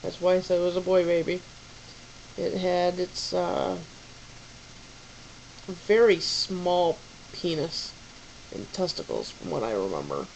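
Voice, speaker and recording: A woman's voice: lowish voice, lively intonation, takes it slowly, vocal fry, pauses often, a little mellow, a little hiss or hum, rough recording. A young woman vlogging about baby names in a rambling, casual way, full of fillers and restarts.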